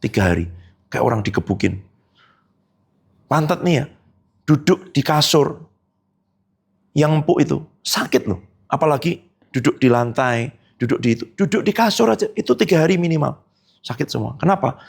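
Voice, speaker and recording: A man's voice: lively intonation, normal speed, vocal fry, pauses often, a little mellow, husky. A middle-aged male pastor giving a conversational sermon, telling stories and acting out the dialogue in them. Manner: storytelling, acts out quoted dialogue with big pitch swings.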